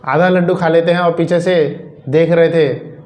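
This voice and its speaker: A man's voice: fairly high pitch, steady tone, normal speed, a little mellow. Male preacher telling a devotional story. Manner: narrative, repeats phrases for emphasis. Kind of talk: sermon storytelling. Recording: roomy echo.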